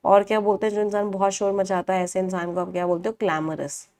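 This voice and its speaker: A woman's voice: mid-range voice, level tone, fast, a little mellow. Woman teaching vocabulary in an online class. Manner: asks the class questions and answers them herself, repeats meanings. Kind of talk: online live class, Hindi-English mix.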